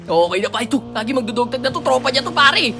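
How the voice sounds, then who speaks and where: High, lively-voiced woman shouting gameplay commentary. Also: fast. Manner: excitable, slangy, frequent shouts and laughs. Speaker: gaming streamer. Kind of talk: excited live gameplay commentary. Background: game music and sounds.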